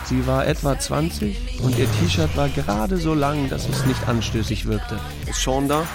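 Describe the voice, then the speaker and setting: Over music, a creaky, unhurried mid-range voice belongs to a man playing a laconic sheriff in a small town. As narrator and lead, he tells his own story in first person with dialogue, dry and understated.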